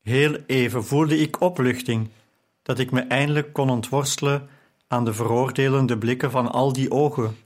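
Man with an evenly measured reading voice. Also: medium pitch, steady tone. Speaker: audiobook narrator. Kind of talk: scripted narration.

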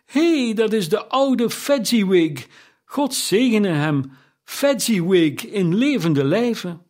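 A man voicing an excited old miser. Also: sits high, takes it slowly, pitched above the performer's own voice, heavily acted. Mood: amazed. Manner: exclaiming, nostalgic.

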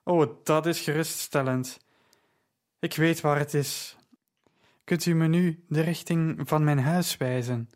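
Guy doing a drunk old-school stage actor, slurry, pompous, kinda high, slow. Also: fairly even intonation. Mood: tipsy, grandiose. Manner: grandiloquent and formal.

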